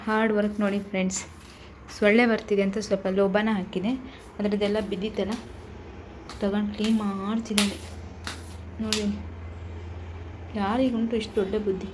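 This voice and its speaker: A woman's voice: medium pitch, flat delivery, a little fast, long pauses. A woman with a Malnad Kannada accent chatting casually to her viewers at home and coaxing her little son in playful baby talk. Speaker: vlogger. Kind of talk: casual home vlog chat. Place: home indoors. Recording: noisy home phone recording.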